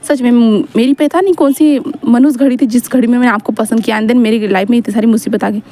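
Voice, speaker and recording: A woman's voice: fairly high pitch, steady tone, quick pace, warm tone, close to an everyday voice. A woman voicing a cheeky young male student who pleads and protests in whiny questions.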